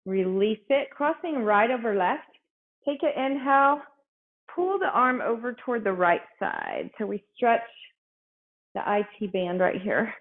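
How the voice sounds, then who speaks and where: A woman's voice: on the high side, very animated, a little slow, phone-quality sound. A woman fitness instructor coaching a workout, out of breath, upbeat and encouraging as she counts reps aloud.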